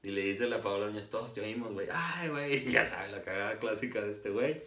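A man with a Mexican accent casually retelling a movie's plot, full of slang, laughs and quick acted-out quotes. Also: lowish voice, pushed and bright. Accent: Mexican Spanish. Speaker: movie reviewer. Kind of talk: casual spoken film recap. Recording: roomy echo, distant from mic.

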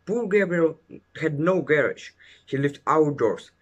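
Slow, lilting male storybook reader. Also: a little high, slightly rough, muffled recording. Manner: slow, expressive storybook reading with fillers. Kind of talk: reading a children's story aloud.

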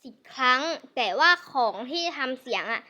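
A woman's voice: sits high, animated, normal speed, pushed and bright, dull audio. A woman hosting a gaming channel, chatting playfully through a let's-play with self-mocking asides.

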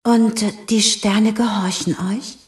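A woman's voice: medium pitch, steady tone, slow pace, close to an everyday voice. A woman voicing an earnest, curious young boy prince in a storybook, asking polite questions. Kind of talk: storybook reading.

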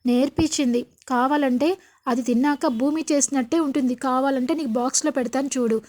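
A woman's voice: high voice, steady tone, brisk, a little mellow, lightly acted. A woman reading the lines of a cheeky younger sister in a serial retelling, playful and teasing.

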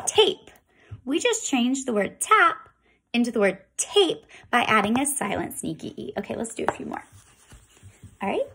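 Slow gravelly-voiced kindergarten teacher. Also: female voice, fairly high pitch, a bit bright. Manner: slow, sing-song teacher talk with drawn-out sounds. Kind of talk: phonics lesson for young children.

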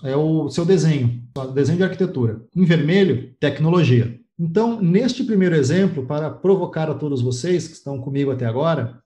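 A man's voice: on the high side, warm tone, echoey room. A man giving a slide-based technical presentation on cloud data architecture, explaining step by step and speaking directly to his viewers with challenges to try.

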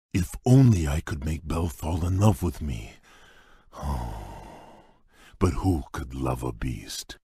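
A very deep, husky-voiced beast prince in a video game, gentle and shy, with formal, halting speech. He talks slowly, his low voice rising and falling widely, recorded dry in a studio. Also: no room sound, full character voice.

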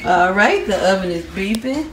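A middle-aged home cooking vlogger chats in a homey way to viewers while making dinner in her kitchen, narrating a casual cook-along. Her mid-range voice has lively intonation and a moderate pace. She holds a phone camera as she cooks, and the echoey kitchen is noisy with clattering pots and dishes.

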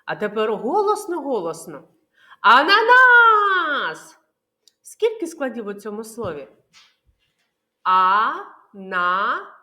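A woman kindergarten teacher giving a literacy lesson to young children, explaining patiently and clearly with many questions. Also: fairly high pitch, wildly swooping pitch, a little fast, few pauses, darkish tone.

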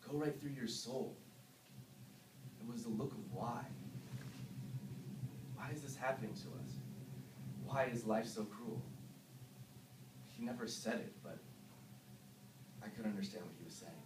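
Male actor as guilt-ridden young veteran, self-loathing and emotional, dramatic monologue; echoey room, faint noise. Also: fairly high pitch. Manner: intense, emotional, halting delivery swinging between hushed and explosive. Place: classroom, indoors. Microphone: far camera. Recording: roomy, distant camera mic with faint noise.

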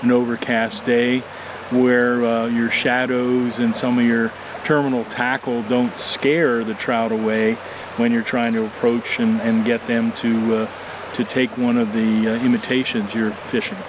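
An older man in his sixties, an insect expert and fly fishing instructor, answering interview questions outdoors by a stream in a measured, explanatory way with many fillers. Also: mid-range voice, flat delivery, background noise.

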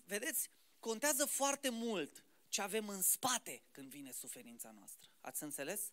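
A man preaching a sermon in a church, animated and quizzing the congregation with rhetorical questions. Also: high-pitched.

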